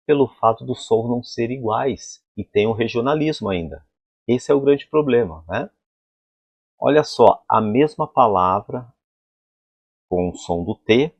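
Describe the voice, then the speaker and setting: Guy teaching english sounds at a board, lowish voice, keeps asking the class questions, dry dull-sounding recording. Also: husky, no echo. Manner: explanatory, asks the class rhetorical questions. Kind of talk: whiteboard phonetics lesson.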